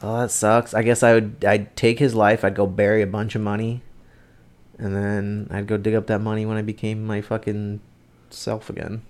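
Young man, podcast co-host, crude joking chat, gravelly, low voice. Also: completely flat delivery, normal speed, darkish tone. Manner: crude, joking, laughs a lot. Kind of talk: casual chat.

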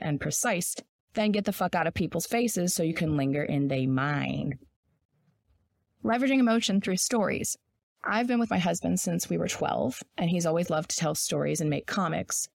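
Podcast co-host: woman, 30s, low raspy voice, blunt and profane, dry close sound. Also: a little mellow, no room sound. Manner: profane, blunt, reads quickly. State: raspy sore throat. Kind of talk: casual chat and reading an essay aloud.

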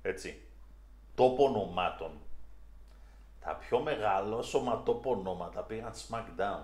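A man's voice: fairly low pitch, darkish tone, reverberant. A man co-hosting a casual chat, opinionated and teasing, often cutting in. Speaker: co-host.

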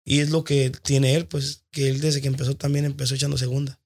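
A man with a Mexican accent, a band singer, telling stories in a relaxed, rambling chat full of slang. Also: mid-range voice, brisk, husky. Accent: Mexican Spanish. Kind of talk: casual chat.

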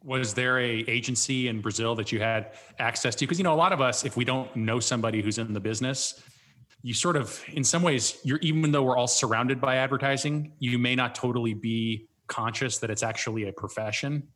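A man's voice: medium pitch, fairly even intonation, fairly quick, fairly bright tone. A man hosting a podcast, reading an upbeat intro with casual slang and interviewing a guest. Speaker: podcast host.

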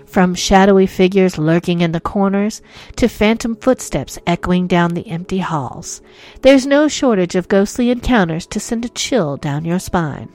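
A woman narrates scripted ghost stories as a theatrical horror host. Her voice sits at an average pitch for a woman. She plays up the spookiness with playful drama, and music runs softly behind her. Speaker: host of a ghost-story podcast.

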